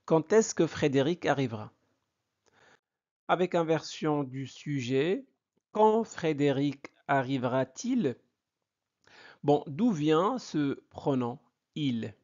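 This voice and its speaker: A man teaching a grammar lesson, slow and deliberate, repeating example sentences with exaggerated question intonation. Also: a little high, animated, a little mellow. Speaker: French teacher. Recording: dull lo-fi recording.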